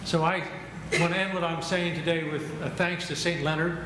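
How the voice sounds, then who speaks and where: An older male guest lecturer speaking in a measured, reflective way, with gentle humor, giving a lecture and taking questions. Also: a little high, fairly even intonation. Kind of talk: academic lecture and Q&A. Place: lecture hall. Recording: echoey hall with ambient noise.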